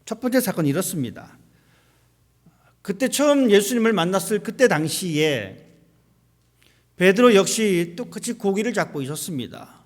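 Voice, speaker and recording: Guy pastor preaching, high animated voice, big echoey church hall. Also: moderate pace, long pauses. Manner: preaching with rhetorical questions to the congregation. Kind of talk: sermon. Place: church sanctuary. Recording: long hall reverb.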